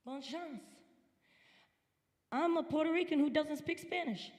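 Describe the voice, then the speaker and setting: A woman's voice: sits high, a little slow, darkish tone. Earnest woman giving testimony in a reverberant hall. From upstate New York. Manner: earnest, emphatic storytelling. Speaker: guest speaker at a church service. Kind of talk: personal testimony. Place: church sanctuary.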